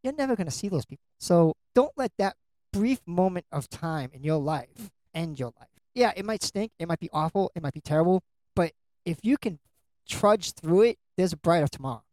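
A man's voice: sits high, lively intonation, normal speed, darkish tone, dry recording. A man co-hosting a podcast, chatting casually about a film and giving earnest, encouraging advice, with stammered restarts. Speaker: podcast co-host. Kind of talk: casual movie review chat.

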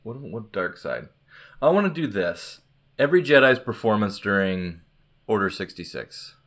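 A man hosting a casual podcast chat who critiques a film in an animated, enthusiastic way. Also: fairly low pitch, normal speed. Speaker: podcast host.

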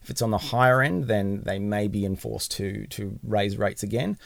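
A man's voice: on the low side, normal speed, gravelly, dry recording. An Australian man explaining finance as a podcast guest in a casual, conversational way, often hedging as he goes.

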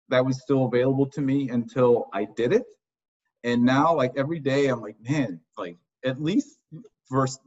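A man in his thirties speaks reflectively as a podcast guest, pausing and restarting often. His voice sits at a middle pitch and comes through slightly dull, lo-fi audio. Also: darkish tone. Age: 30s. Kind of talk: casual interview.

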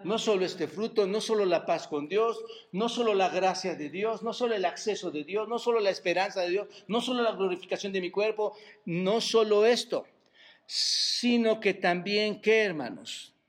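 A man's voice: high voice, moderate pace. A man preaching a sermon as pastor, asking the congregation rhetorical questions and drawing out key words for emphasis. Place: church service.

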